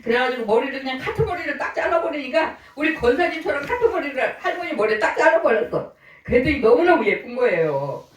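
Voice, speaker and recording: A fairly high-voiced woman preaching in a lively storytelling way, slipping into the voices of the people she quotes. She sounds set back from the microphone, and her voice rings through an echoey church hall. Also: quick pace, far from the mic. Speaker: pastor. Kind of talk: storytelling sermon.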